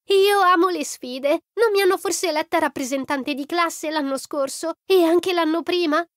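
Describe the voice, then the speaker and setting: A woman's voice: very high voice, moderate pace, no room sound, clean studio sound, pitched above the performer's own voice. A woman voicing a bubbly, vain teenage girl who talks in a gushing, showy way.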